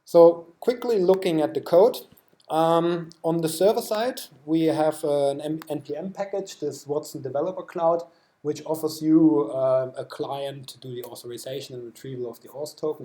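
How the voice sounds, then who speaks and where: A man with a German accent presenting software at a developer meetup, explaining a live demo with many fillers and restarts. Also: a little high, echoey room. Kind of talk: technical talk with live demo. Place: meetup room.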